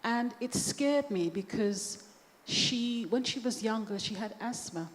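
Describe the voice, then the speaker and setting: A woman's voice: a little high, measured pace. Chatty storytelling woman in a hall. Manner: lively, conversational storytelling. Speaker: panelist. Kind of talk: panel discussion, personal story. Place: church hall. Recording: echoey hall, faint background noise.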